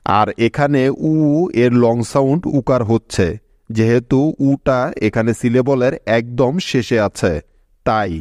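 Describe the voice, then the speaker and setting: A man's voice: mid-range voice, fairly even intonation, a little slow, darkish tone, no room sound, studio quality. A man teaching English spelling rules to pupils, patiently repeating each step and stopping to check they understood. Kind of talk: scripted teaching narration.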